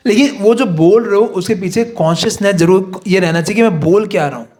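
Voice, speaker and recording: A man's voice: sits high, fairly quick, darkish tone. A man teaching a devotional course, explaining in Hindi with English phrases and chanting prayers. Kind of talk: devotional class lecture.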